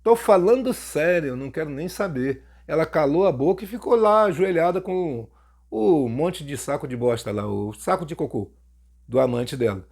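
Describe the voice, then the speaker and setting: A man with a Brazilian Portuguese accent tells a tale from his own life with relish. His voice sits a touch high, and he keeps mocking the people in it. The delivery is casual and lively, like a joke told among friends. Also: moderate pace, vocal fry. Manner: mocking, jokey, animated telling. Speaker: storytelling YouTuber. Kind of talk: casual first-person storytelling.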